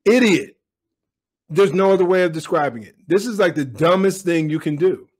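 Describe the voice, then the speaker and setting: A man's voice: high-pitched, lively intonation, normal speed, slightly rough. A man giving opinionated commentary on a police video, speaking bluntly and directly to his viewers.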